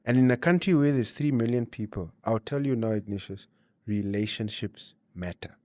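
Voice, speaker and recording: At a moderate pace and in a warm, medium-pitched voice, this interview guest from Namibia shares conversational advice and stories. He keeps reaching for "you know" and "you see" to make his points, in studio-quality sound free of room sound.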